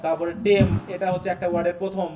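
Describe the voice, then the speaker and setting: A man's voice: high voice, little pitch movement, very fast, very noisy. A man with a Bangladeshi Bengali accent teaching an English class, explaining by repetition and quizzing his students. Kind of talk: live online class.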